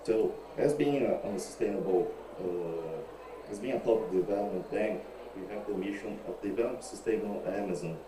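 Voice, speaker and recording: A low-voiced man speaks over an echoey, distant call line thick with background noise. He presents remotely, stumbling and restarting often. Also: moderate pace. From Brazil. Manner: hesitant, many restarts and repeated words. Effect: echoey remote call line with audio feedback. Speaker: remote presenter at an online panel. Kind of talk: halting presentation on a video call. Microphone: video call.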